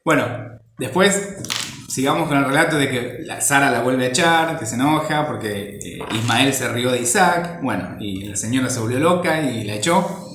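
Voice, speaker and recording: A man's voice: mid-range voice, a bit bright, reverberant, a little hiss or hum. Rambling man teaching the Bible. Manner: rambling, repeats words while searching for the next phrase.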